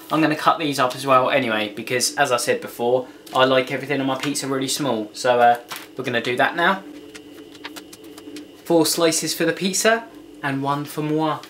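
Medium-pitched and sharp in tone, a young man casually narrates a home cooking vlog with a cheeky, playful edge. It's filmed in a small indoor kitchen on a home camera a short distance away, with clear background noise.

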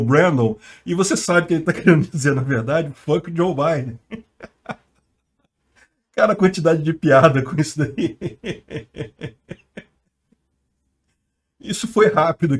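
Chatty Brazilian man, slightly high voice. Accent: Brazilian Portuguese. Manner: chatty, laughs often, slangy. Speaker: channel host. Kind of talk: casual news commentary.

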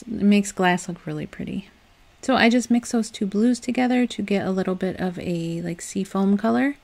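A young woman talks through a craft tutorial at home in a loose, friendly voice-over. She sounds chatty and upbeat, with a gravelly fry at the ends of her phrases. Her pitch sits in an ordinary middle range. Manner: chatty and upbeat, with soft laughs and loose restarts. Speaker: DIY home decor vlogger.

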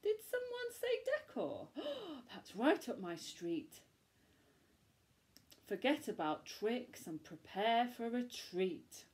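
Woman doing a squeaky cheerful pumpkin boy. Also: very animated, slow pace, a little mellow, exaggerated voice. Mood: cheery. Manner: chirpy, squealing with delight. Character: cheerful friendly male pumpkin, bouncy and kind.

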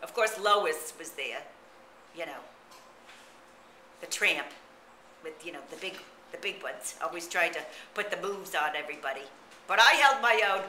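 A man playing a gossipy old woman in a retirement home, chatty and rambling, with a drawn-out, wobbly voice. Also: on the high side, animated, sharp tone, slight background noise. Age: older. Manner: chatty, rambling, full of "you know" and cackling asides. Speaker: comic character monologue. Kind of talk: character comedy monologue to camera. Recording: roomy echo.

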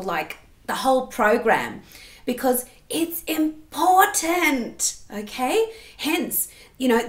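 A woman giving a singing lesson, explaining technique and demonstrating sounds. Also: on the high side. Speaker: singing teacher. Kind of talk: vocal lesson. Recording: roomy echo.

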